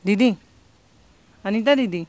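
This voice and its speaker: A woman's voice: medium pitch, slow, darkish tone, slight background noise. A woman reporting on location as a field news reporter, coaxing and pleading with questions, then speaking impassioned to camera.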